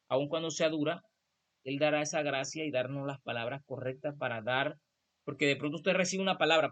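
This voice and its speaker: A man calmly teaching a church class, explaining and correcting himself as he goes. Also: on the high side. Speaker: teacher of a prophetic school class.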